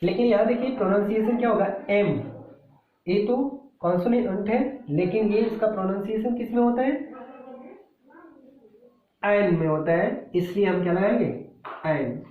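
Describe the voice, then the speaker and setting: A man teaching a grammar lesson in a slow, patient way, often checking whether his students have understood. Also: high voice. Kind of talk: grammar lesson in Hindi and English. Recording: echoey room, tinny phone-like sound.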